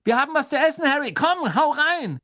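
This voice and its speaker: Ein Mann spricht in einem Hörbuch ein aufgeregtes, kreischendes Schulmädchen im Teenageralter. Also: male voice, very high voice, very animated, brisk, a bit bright, no echo, studio quality, voice pushed up, full character voice. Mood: excited. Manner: shrieking. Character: excited teenage schoolgirl, shrieking and pushy.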